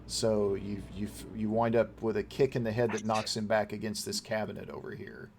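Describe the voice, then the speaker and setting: A man's voice: fairly low pitch, little pitch movement, normal speed, a little mellow, slight background noise. A man acting as game master, running a tabletop role-playing game.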